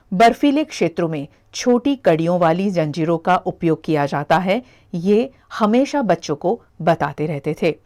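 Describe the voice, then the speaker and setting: Low-voiced woman reading a news report. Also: a little mellow. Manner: measured, formal narration. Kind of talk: scripted news voice-over.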